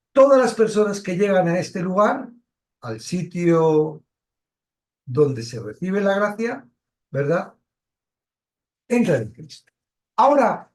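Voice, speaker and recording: A man from teaching a Bible study, asking questions and stressing key words. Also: high-pitched. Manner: questioning, emphatic, pauses and restarts.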